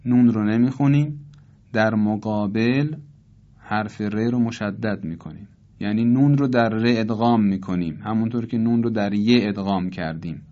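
Man teaching Quran recitation rules, deliberate. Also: on the low side, mellow, dull audio. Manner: slow, deliberate, repeats each example slowly. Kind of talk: tajweed lesson with recited examples.

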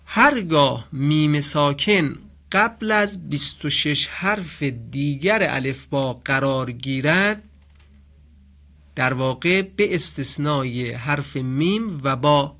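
Male tajweed teacher with a raised voice, patient and explanatory, chants examples slowly. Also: on the high side, a bit bright. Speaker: Quran recitation teacher. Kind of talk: radio-style tajweed lesson.

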